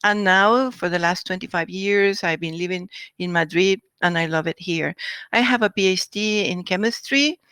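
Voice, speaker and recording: A woman's voice: fairly low pitch, moderate pace, a bit bright, clear, resonant tone, dry recording. A middle-aged woman from Venezuela, a scientist answering interview questions thoughtfully, with frequent fillers and restarts. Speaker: scientist and research group leader.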